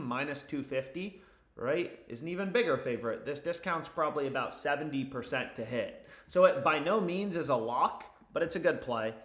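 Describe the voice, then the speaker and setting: In an echoey, roomy indoor space, a young adult livestream host shares betting picks while chatting casually in sweary frat-bro slang. His voice is fairly high and a bit bright.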